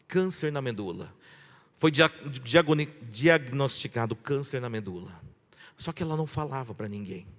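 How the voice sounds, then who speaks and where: Brazilian pastor preaching in a reverberant church. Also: male voice, fairly high pitch. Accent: Brazilian Portuguese. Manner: emphatic preaching with repeated phrases; lively storytelling, shifting from loud to hushed. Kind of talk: sermon. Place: large church hall. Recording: church sound with long hall reverb.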